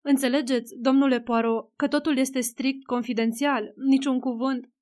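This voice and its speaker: A woman's voice: high-pitched, steady tone, darkish tone, close to an everyday voice. Female reader as indignant older male minister, pompous, audiobook. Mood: insistent. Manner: indignant, exclaiming.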